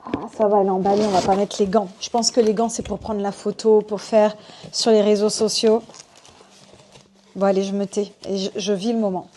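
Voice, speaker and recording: A young woman vlogging spontaneously at home, chatty and excited as she talks to her viewers. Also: medium pitch, brisk, a little hiss or hum. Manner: chatty, excited, addresses viewers as "les gars". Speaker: online business vlogger. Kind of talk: spontaneous unboxing vlog. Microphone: desk microphone.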